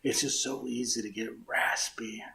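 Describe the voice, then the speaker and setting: A man's voice: mid-range voice, fairly even intonation, moderate pace, vocal fry, pushed and bright. A man streaming live as a magician, chatting casually while his voice comes out muffled from inside a tight full-face rubber mask. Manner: rambling, self-talking, trailing off into mumbles.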